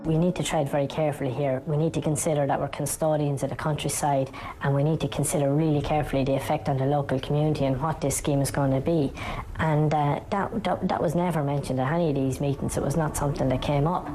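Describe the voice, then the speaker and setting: An Irish man in an interview whose voice has been disguised by lowering its pitch. He answers haltingly, with many fillers and restarts. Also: little pitch movement, warm tone, faint music behind, poor audio. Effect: voice disguised, pitched down very low. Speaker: anonymous farmer interviewee.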